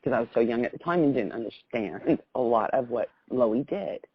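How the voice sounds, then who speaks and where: On a muffled phone recording with no room sound, a woman speaks in an expressive bass voice with a breathy edge, at a moderate pace. She's a middle-aged American caller giving a rambling, effusive, casual account of something from her own life.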